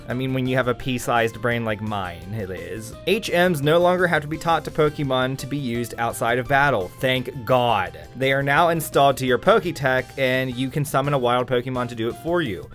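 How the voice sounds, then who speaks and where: A man's voice: mid-range voice, a bit bright. A young man giving a chatty video game review voice-over in a campy, self-deprecating manner with dramatic emphasis. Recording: music behind the voice. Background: music.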